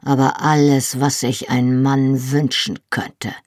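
A reader voicing a sardonic, scheming middle-aged Highland chieftain who speaks quietly and insinuatingly in an audiobook. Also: male voice, flat delivery, slow, no room sound, studio quality, natural voice. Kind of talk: audiobook character voice.

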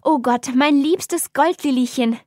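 A woman's voice: high voice, measured pace, dark tone, no echo, studio quality, pitched above the performer's own voice. Storybook countess, gushing and breathless, as a woman reader puts her on.

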